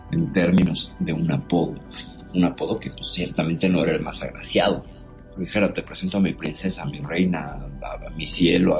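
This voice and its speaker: A man hosting a talk show, explaining things in a measured, academic way. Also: sits low, a little mellow. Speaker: host. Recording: dull lo-fi sound with faint music.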